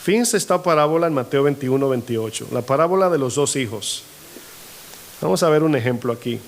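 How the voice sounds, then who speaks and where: A man's voice: medium pitch, expressive, a little fast. A male pastor preaching a sermon. He keeps asking his congregation questions and acts out quoted voices in a rising tone. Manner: asks the congregation frequent call-and-response questions. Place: church hall.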